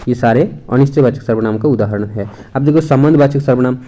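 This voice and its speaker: A man's voice: mid-range voice, a little fast, mellow. A man teaching an exam-prep grammar lesson in a chatty way, repeating points and mixing in English words.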